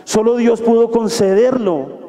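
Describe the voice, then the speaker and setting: A man preaching a sermon as a pastor, fervent and exhorting, moving between soft pleading and raised calls. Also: extremely high pitch, a little slow. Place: church hall. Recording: echoey hall.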